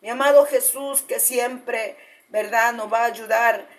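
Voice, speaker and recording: Woman, pastor, fervent sermon testimony, slightly high voice, repeated calls to the congregation. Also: fairly even intonation, slow pace. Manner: fervent, keeps calling out to the congregation as beloved brethren.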